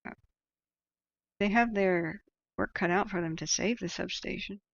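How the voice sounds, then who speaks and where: An American woman hosting casual live commentary, thinking aloud in a loose, unhurried way and reading out comments. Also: fairly low pitch, creaky. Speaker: livestream host tracking wildfires. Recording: dull, muffled close microphone.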